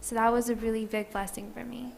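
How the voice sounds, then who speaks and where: A woman giving a personal testimony at an event, earnest and halting, with frequent fillers. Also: on the high side, little pitch movement, gravelly, darkish tone. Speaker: convert sharing her story. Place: event hall.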